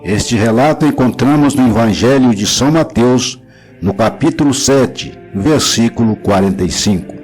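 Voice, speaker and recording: A man giving a solemn, measured devotional narration with scripture readings. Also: medium pitch, darkish tone, soft background music, rough recording.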